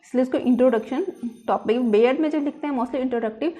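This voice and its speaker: Her voice is warm and fairly high as she teaches a lesson plan like a classroom lecturer, step by step. Each English phrase is read slowly in her Indian English accent, followed by a simpler restatement.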